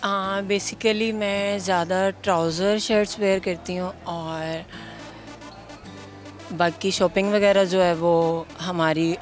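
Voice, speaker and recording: A man putting on a young woman's voice while answering street interview questions, speaking softly and shyly with a falsetto. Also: steady tone, slow, soft background music. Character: young woman, chatty and giggly. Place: shopping area.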